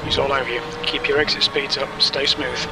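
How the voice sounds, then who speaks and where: A man voicing a racing spotter who gives terse pit radio calls, clipped and flat, about gaps, fuel and traffic. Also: mid-range voice, fairly quick, vocal fry, over loud music. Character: calm male racing spotter on team radio. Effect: terse pit radio call. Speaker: race spotter and crew chief. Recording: distant voice over loud engine noise. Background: race car engine roar.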